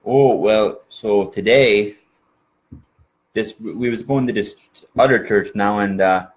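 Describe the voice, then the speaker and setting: A man's voice: lowish voice, takes it slowly, lo-fi sound. A man from Minnesota with an exaggerated Minnesota accent, chatting as an interview guest in a folksy, rambling way. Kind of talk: casual interview chat.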